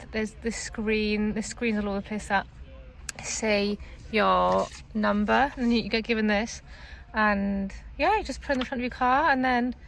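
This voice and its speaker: A woman's voice: on the high side, creaky. A young woman chatting casually as a travel vlogger, rambling with fillers while on a road trip. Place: in a car and on the road. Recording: muffled with loud road noise.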